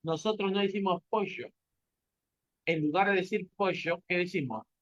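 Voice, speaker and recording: Bright-voiced Peruvian man lecturing a class. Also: high-pitched, brisk, no echo, highs cut off. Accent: Peruvian Spanish. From Peru. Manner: asks the class questions and answers them himself. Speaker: teacher.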